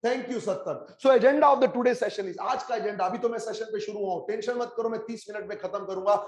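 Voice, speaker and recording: A man's voice: high voice, fairly quick. A man with an Indian English accent teaching a live online class, mixing Hindi and English and urging students to reply in the chat. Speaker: online exam coaching teacher.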